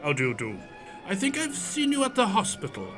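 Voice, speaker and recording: Affable, high-voiced Doctor Watson acted by a man. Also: wildly swooping pitch, fairly quick, music in the background. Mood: genial. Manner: genial, hesitant, old-fashioned exclamations. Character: loyal, affable, easily amazed doctor Watson. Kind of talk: audio theatre acting.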